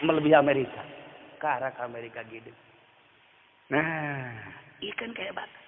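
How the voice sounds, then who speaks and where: A man with a Sundanese accent preaching a sermon in lively storytelling style, joking and dropping from loud calls to hushed asides. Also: medium pitch, moderate pace, in a large hall, phone-quality sound, slight background noise.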